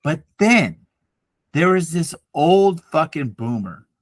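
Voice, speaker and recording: A man in his forties co-hosts a podcast, ranting and swearing his way through animated stories in casual chat. His voice sits on the high side and moves at a slow pace, with no room sound.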